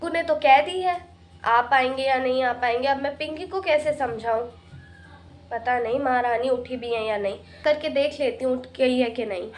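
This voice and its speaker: Brief: fussing daughter-in-law and mother in a home skit, played by a woman, high voice. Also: normal speed, natural voice. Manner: grumbling, fussing over chores. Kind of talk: comic family skit.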